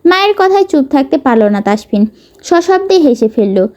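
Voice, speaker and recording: A woman narrating a romance novel in a steady, expressive reading. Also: sits high, moderate pace. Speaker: storyteller.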